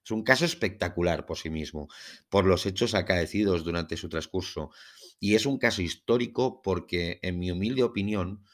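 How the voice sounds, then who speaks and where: A man with a deep, low voice and a Spain Spanish accent presents a solo podcast. His delivery is formal and measured, somewhere between prepared narration and talk. He favours literary, carefully built phrases. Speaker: podcast host. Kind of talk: podcast monologue on a UFO case, part scripted narration.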